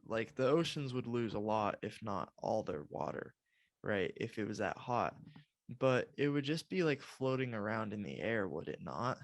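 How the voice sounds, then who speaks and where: A man's voice: fairly low pitch, animated, normal speed, dry recording. A man co-hosting a casual podcast, answering offhandedly and musing aloud with questions. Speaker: podcast co-host. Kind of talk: casual chat.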